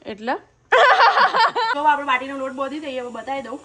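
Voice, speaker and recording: This family vlogger is a young woman with a Gujarati accent whose voice sits high and a bit bright, with fairly even intonation and a very fast pace. Chatting casually in her cooking vlog, she laughs often and calls viewers "guys."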